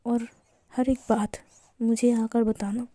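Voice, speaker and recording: A stern old male elder from a storybook reading gives orders in a clipped, watchful way, voiced by a woman. The tone sits high yet warm and mellow. The sound is dry and close. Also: little pitch movement, slow, no room sound.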